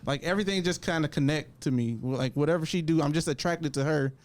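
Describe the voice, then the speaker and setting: A man's voice: a little high, fast. A man co-hosting a podcast, earnestly explaining his view in casual chat, repeating himself. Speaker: podcast co-host.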